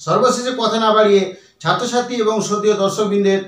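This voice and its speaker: A man with a Bengali accent teaching a pronunciation lesson, spelling words out letter by letter and repeating them slowly. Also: high-pitched, fairly even intonation, a bit bright. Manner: slow, spells out letters one by one. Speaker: English teacher. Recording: echoey room, far from mic.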